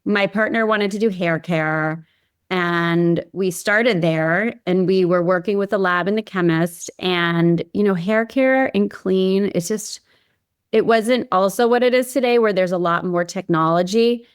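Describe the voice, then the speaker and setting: This Hawaii-based company founder speaks at a measured pace in a smooth, medium-pitched voice while guesting on a podcast. She recounts her own story casually, peppered with "like" and "you know," and the recording is dry and studio quality.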